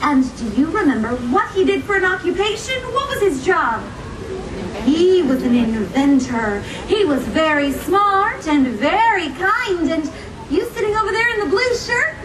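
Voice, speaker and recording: Playing a gracious young princess, a theme park performer tells children a story in a very high, animated, theatrical voice, asking plenty of encouraging questions. Her pace is normal and her mood playful and encouraging, though the distant, echoey recording is surrounded by crowd noise.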